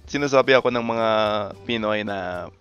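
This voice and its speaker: A man in his twenties from Canada chatting casually in choppy, deliberate phrases, with a non-native Tagalog accent. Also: mid-range voice, fairly bright tone, clean tone, dull audio, faint music behind. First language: English. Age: 20s. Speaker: video maker talking with strangers online. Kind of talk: casual chat.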